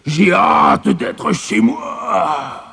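Storybook giant: hoarse, gravelly, slow and booming, swinging widely in pitch. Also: male voice, big pitch swings, bright, forceful tone, exaggerated voice. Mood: grumbling. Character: huge gruff male giant, menacing and boastful. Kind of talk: storybook reading.

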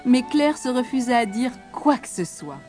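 A woman tells a children's fairy tale with a lilting, expressive delivery. Her fairly high voice swoops up and down with each turn of the story, and soft music plays underneath. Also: normal speed. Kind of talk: storybook narration.

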